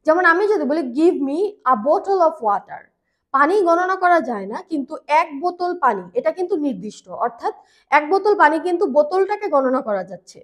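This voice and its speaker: A woman teaching English grammar in a patient, repetitive way, slowing down on key words and using fillers. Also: extremely high pitch, very animated, fairly bright tone. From Bangladesh. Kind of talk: grammar lesson explanation.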